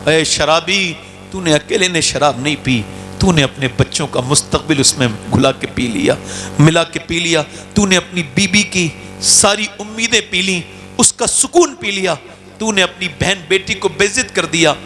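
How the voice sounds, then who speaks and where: High, bright-voiced dramatic preacher man. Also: expressive, faint music behind. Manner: dramatic, acts out quoted voices with big pitch swings. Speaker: Islamic preacher. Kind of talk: emotional sermon storytelling.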